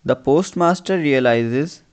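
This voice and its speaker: Slow-speaking man reading out a dictation. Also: on the high side. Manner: deliberate, phrase by phrase with repetition. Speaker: English teacher giving dictation. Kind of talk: slow dictation with repeated phrases.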